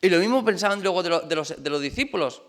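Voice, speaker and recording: A man's voice: high voice, lively intonation, quick pace, a bit bright. A man from preaching a conversational sermon in a church, chatty and full of rhetorical questions to the congregation. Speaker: pastor.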